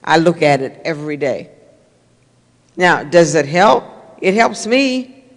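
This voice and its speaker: A woman's voice: low voice, very animated, slow. Older woman preaching in a church. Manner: earnest, repetitive, conversational. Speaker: minister. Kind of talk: sermon-style talk to a congregation. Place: church sanctuary. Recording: reverberant church hall.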